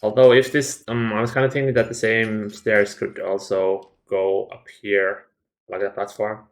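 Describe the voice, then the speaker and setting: A man chatting casually while building in a game, calmly thinking through plans. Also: fairly low pitch, unhurried. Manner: thoughtful, plans things out calmly. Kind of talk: casual gaming chat.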